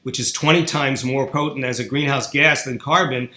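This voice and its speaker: A man's voice: mid-range voice, fairly even intonation, moderate pace, bright, forceful tone. A man answering interview questions bluntly and argumentatively. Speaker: guest. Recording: echoey room.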